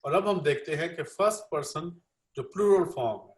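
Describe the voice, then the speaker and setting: A man's voice: a little high, animated, normal speed. A man interpreting a classroom lecture live, repeating each line with many fillers. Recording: echoey room.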